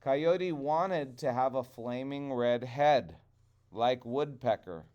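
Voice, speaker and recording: A man telling a trickster tale as a storyteller, with deliberate, dramatic phrasing. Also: medium pitch, darkish tone, highs cut off.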